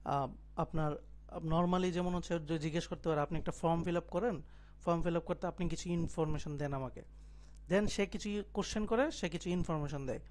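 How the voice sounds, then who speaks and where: A young man is teaching an IELTS listening lesson during a live online class, walking his students through it step by step. His voice sits on the high side with a steady, somewhat dark tone at a normal speed. He works English terms into his explanations and checks that everyone is following.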